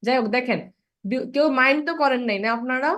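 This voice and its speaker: Higher-voiced young woman teaching grammar. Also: fairly bright tone, lo-fi sound. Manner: explains patiently, slows to spell out example words. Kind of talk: online class lecture.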